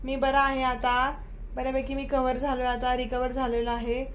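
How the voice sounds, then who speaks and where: A woman speaking as her male pet bird, giving slow first-person updates on how he is recovering. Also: sits high, monotone, slight background noise, lightly acted. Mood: reassuring.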